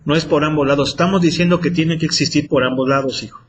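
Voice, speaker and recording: A man's voice: on the high side, fairly even intonation, fast, a little hiss or hum. A man teaching math in a classroom, quizzing students with repeated questions. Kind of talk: classroom lecture.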